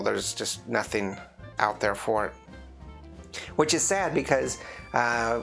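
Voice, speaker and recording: A man's voice: medium pitch, vocal fry, a bit bright. Rambling man in a casual coffee vlog. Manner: rambling, filler-heavy, restarts his sentences. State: rough morning voice, clearing his throat. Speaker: host of a drinks review channel.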